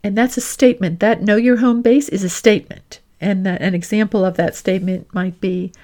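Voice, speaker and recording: A woman career coach hosts an instructional podcast, explaining points and example dialogue in a deliberate way and leaning on her key phrases. Her voice sits at a medium pitch, a little mellow, with fairly even intonation.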